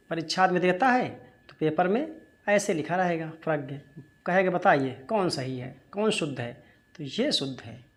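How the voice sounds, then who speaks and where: A man teaching Hindi spelling in a lesson, who asks his own questions, answers them, and repeats the words slowly. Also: high voice.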